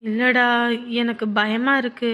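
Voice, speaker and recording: An actress playing a timid, hesitant young wife in a home drama. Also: female voice, a little high, level tone, a little slow, fairly bright tone. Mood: anxious. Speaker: wife afraid of her mother-in-law.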